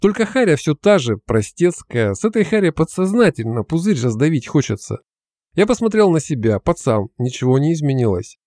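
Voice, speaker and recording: A man narrates a first-person audiobook in a relaxed, conversational way. His voice is mellow and dark yet sits a bit high, and it is recorded dry and close with no room sound. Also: a little fast, no echo.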